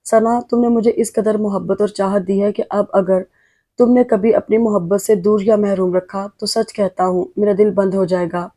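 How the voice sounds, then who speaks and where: A woman's voice: medium pitch, fairly even intonation, warm tone, lightly acted. A woman reading the lines of a remorseful, loving young husband in a pleading, emotional way. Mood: tender. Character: remorseful young husband, tender, guilt-ridden.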